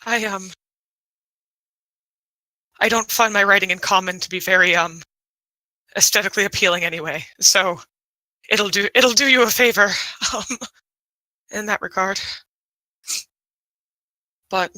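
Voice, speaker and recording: A woman voicing a shy, winged female dragon-kin who speaks haltingly, with many restarts. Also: mid-range voice, sharp tone, no room sound, rough recording. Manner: hesitant, halting, full of restarts and ums. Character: shy female Manakete with wings. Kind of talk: in-character role-play.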